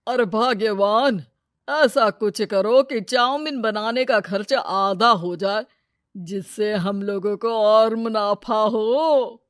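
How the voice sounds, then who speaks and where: A woman's voice: medium pitch, slow pace, no echo, studio quality, natural voice. A woman voicing a greedy, scheming male moneylender in a village moral story cartoon, brusque and bossy.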